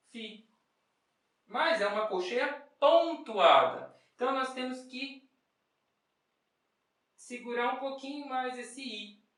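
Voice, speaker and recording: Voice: mid-range voice, fairly bright tone. Patient teacher in an echoey room. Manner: patient, asks and answers own questions, chants rhythm syllables. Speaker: music teacher. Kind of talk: step-by-step music lesson. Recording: very echoey room, mic far off.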